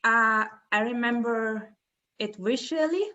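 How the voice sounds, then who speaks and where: A woman in her twenties from the Dominican Republic, a podcast guest talking in a halting way, searching for words. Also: a little high, sharp tone, highs cut off. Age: 20s. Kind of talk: casual interview chat.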